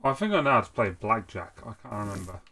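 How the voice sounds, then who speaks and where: A young gaming streamer, sick with a cold, rattles off loose let's-play chatter while playing, stumbling through fillers and restarts. His fairly low voice is sing-song, pushed and bright, and he talks fast.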